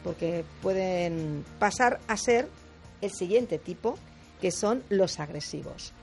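A woman speaking as a guest on a radio talk show, explaining in a lively way, acting out quotes and often adding quick tag questions. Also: lowish voice, vocal fry, soft background music. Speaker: guest speaker on difficult personalities.

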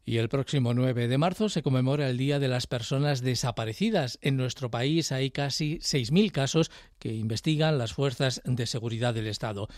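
A man reading the news as anchor in a steady, formal way. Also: medium pitch, moderate pace, no room sound, studio quality. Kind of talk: read news bulletin. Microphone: studio mic.

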